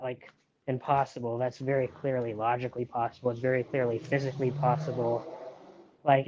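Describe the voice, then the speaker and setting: A man's voice: medium pitch, muffled recording. A man in a casual debate chat on a stream, opinionated and exasperated, peppering his sentences with "like". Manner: filler-heavy, repeats "like", exasperated and opinionated.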